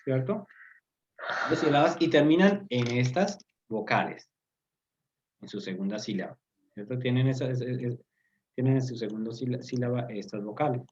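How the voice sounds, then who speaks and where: A male teacher leads an online group lesson over a video call, his mid-pitched voice coming through dull and lo-fi. He explains patiently, pausing with fillers and often checking in with the class. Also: expressive, darkish tone. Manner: patient, explaining, checks understanding with tag questions; hesitant, many fillers. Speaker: Turkish teacher.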